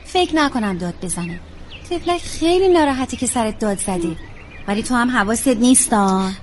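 A woman's voice: fairly high pitch, animated, a little hiss or hum, lightly acted. An actress playing a kindly woman who teases and scolds a sulky girl, playful and coaxing.

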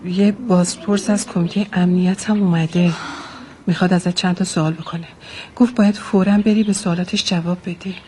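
Woman acting an inquisitive, brisk village woman. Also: lowish voice, steady tone, darkish tone, a little hiss or hum, natural voice.

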